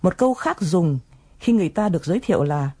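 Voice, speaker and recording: A woman's voice: on the low side, animated, fast talker, dark tone, breathy edge. A woman presenting an English lesson, explaining phrases patiently and coaxing learners to repeat them.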